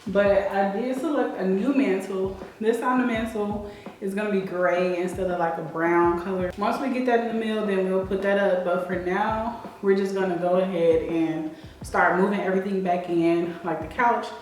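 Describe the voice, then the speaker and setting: A woman's voice: mid-range voice, low-quality recording. A woman narrating a home makeover vlog casually, with informal, folksy asides. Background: background music.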